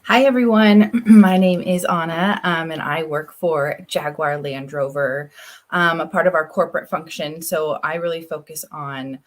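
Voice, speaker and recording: Low-voiced woman with hesitant fillers. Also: fairly even intonation, measured pace. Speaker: corporate DEI lead. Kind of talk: panel discussion.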